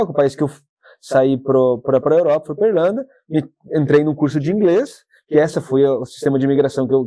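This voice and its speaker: A man with a southern Brazilian accent chats as a podcast guest, telling stories in a lively, animated way. His voice sits a little high but sounds soft and mellow. The recording is dry and close. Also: dry recording. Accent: southern Brazilian Portuguese. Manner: talkative, animated storytelling. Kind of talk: casual interview chat.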